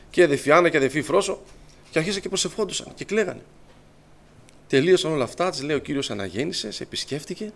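Man, church testimony, animated storyteller, fairly high voice, acts out others' words. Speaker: church member giving testimony. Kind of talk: personal testimony to a congregation.

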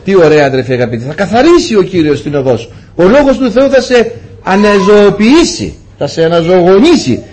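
Male preacher, husky and high-voiced, animated sermon delivery that acts out dialogue. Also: a little hiss or hum. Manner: animated storytelling, voicing dialogue with high pitch swings.

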